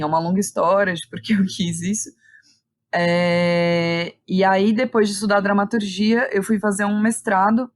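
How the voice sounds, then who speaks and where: Recorded with studio quality and no echo, a lowish-voiced woman with a São Paulo accent, from Santo André, speaks as an interview guest. The theatre director and playwright keeps things informal and conversational, often checking in with little tag questions.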